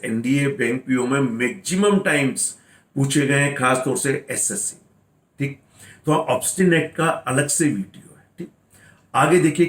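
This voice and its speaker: A man teaching vocabulary for exam preparation, explaining patiently, checking that students follow and reading English example sentences slowly. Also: mid-range voice. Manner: explanatory, checks understanding with "clear?"; slows down to read English example sentences aloud. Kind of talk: exam-prep lesson in Hindi mixed with English. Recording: roomy echo.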